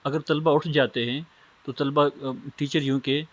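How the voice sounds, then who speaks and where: In a recorded lecture, a man from Pakistan teaches Islamic studies, explaining step by step with simple everyday examples. His voice is a little high, steady and fairly bright.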